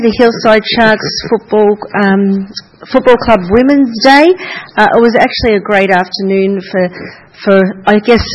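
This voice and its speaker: A man's voice: high-pitched, poor audio. A man, a councillor, reporting on community events in a hesitant way with many ums and restarts. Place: council chamber.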